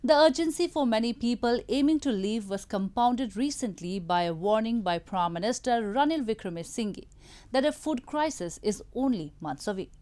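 Woman reading the news, slightly high. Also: expressive, mellow. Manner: measured, formal delivery. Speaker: news anchor. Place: TV news studio.

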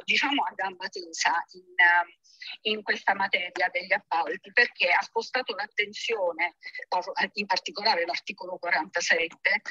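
A woman's voice: medium pitch, pushed and bright, no room sound. Lawyer lady on speakerphone in a video call, muffled dull sound, formal careful talk. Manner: formal, careful legal explanation. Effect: heard through a speakerphone. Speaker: lawyer and panelist. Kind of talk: formal talk in an online meeting. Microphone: phone on speaker relayed into a video call.

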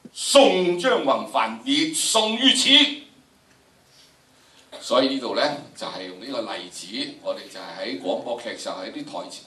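The drama instructor is an older man with a Hong Kong Cantonese accent whose mid-range voice is a bit bright. He lectures students directly in an emphatic, theatrical manner, mixing in dramatic recitation demonstrations. The recording, made at a distance in a big lecture room indoors, is echoey and noisy.

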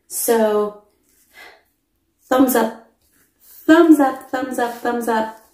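A middle-aged woman talks slowly through a casual product review vlog. Her voice sits fairly high with a soft, mellow tone. She sounds eager and emphatic and repeats words for stress, captured on a phone camera in a small, echoey room. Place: small indoor room with pale walls. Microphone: phone camera mic at close range.

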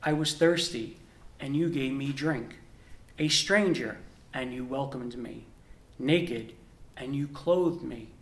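A young man, a deacon and seminarian, reading the gospel and preaching in a measured, earnest way with emphatic pauses. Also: a little high, vocal fry. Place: indoor chapel with a stone wall. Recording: echoey chapel room.

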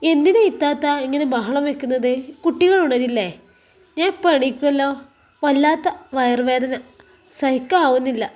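Woman doing young woman, Malappuram Malayalam accent, high voice, gentle, weary, pleading, audio storybook. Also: normal speed, close to an everyday voice. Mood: pained.

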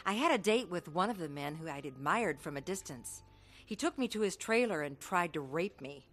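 In a radio drama, an actress plays a young woman carnival worker recounting her hard life in an earnest, dramatic, reflective way across narration and dialogue. Her lowish voice is animated and fairly bright, at normal speed. Faint music plays behind her.

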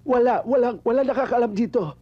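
A man's voice: extremely high pitch, quick pace, highs cut off. An actor playing a wealthy older grandfather, pleading and stern in a film drama. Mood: anxious. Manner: pleading yet stern, steadies himself. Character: worried wealthy old grandfather, a don. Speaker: kidnapping victim's grandfather.

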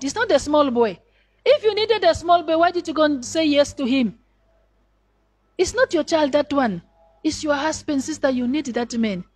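A woman's voice: high voice, a little mellow. A middle-aged woman pastor, preaching a sermon with strong rises and sudden drops in volume.

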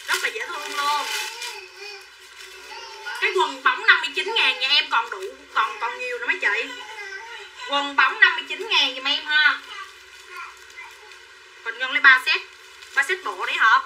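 A woman's voice: high-pitched, expressive, moderate pace, long pauses. A woman running a live sales stream, chattily calling out prices and buyer names and coaxing viewers to buy. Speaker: livestream clothing seller. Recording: distant mic with faint background noise.

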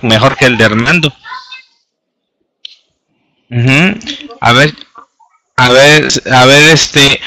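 A man leads an online English lesson, speaking slowly and patiently as he models each word. His voice is bright and forward, heard close and dry with no room sound. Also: mid-range voice, no room sound, poor audio. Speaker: English teacher. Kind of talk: online class instruction.

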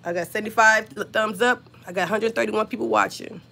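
A woman's voice: medium pitch, fairly even intonation, fast, gravelly, pushed and bright. A woman with a scratchy voice from being sick, chatting casually with live-stream viewers while showing her craft work. She, talks straight to her viewers with lots of fillers, and is recorded on a phone.

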